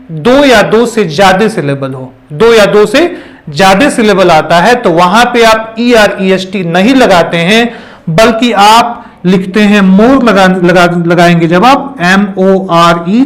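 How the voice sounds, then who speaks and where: A man teaching English grammar in a classroom-style lesson, mixing Hindi and English, spelling words out letter by letter and often checking in with "okay". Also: high-pitched. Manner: repeats phrases and says "okay" often.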